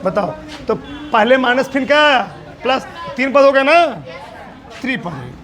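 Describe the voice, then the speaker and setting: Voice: high voice, sing-song, a little slow, crowd noise, background noise. A teacher giving a classroom maths lesson, asking the students question after question in a coaxing, teasing way.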